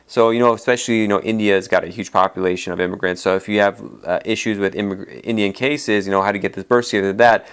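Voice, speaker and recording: A man with a low, smooth and resonant voice hosts a solo podcast on immigration law. He talks in a loose, rambling way, full of fillers and restarts. His voice sounds worn from a long day of talking. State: voice tired from talking all day. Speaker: immigration attorney and podcast host.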